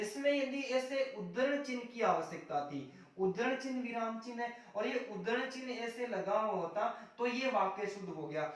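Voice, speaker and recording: A man with a high voice teaches an exam grammar lesson. He asks a question, answers it himself, and calls his viewers "friends" again and again. He stands far from the mic in a very echoey room.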